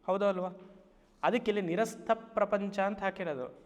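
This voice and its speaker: A man, a spiritual teacher giving a Vedanta discourse, who stretches key phrases slowly and keeps asking his listeners rhetorical questions. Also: sits high, big-room sound, dull audio. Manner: slow, drawn-out emphatic phrases and frequent rhetorical questions.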